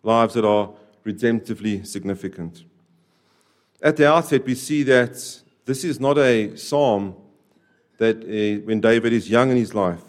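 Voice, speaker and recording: A man preaching a sermon to a church, repeating key phrases and swinging between loud, stressed lines and quiet, dropped endings. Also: on the low side, measured pace. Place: church service.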